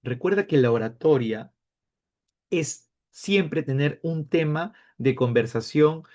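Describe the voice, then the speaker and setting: Animated male teacher. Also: mid-range voice. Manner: animated, playful, acts out students' questions. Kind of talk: lively classroom lecture. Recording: dull lo-fi sound.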